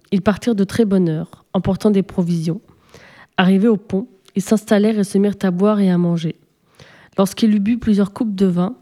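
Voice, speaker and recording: A woman storyteller reading a fairy tale aloud in a calm, measured way. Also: mid-range voice. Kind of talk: storybook narration.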